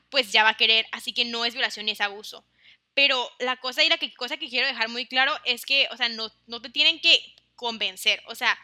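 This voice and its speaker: Young woman, super bright high voice, earnest casual talk. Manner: earnest, explaining a point in a conversational way. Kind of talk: casual chat.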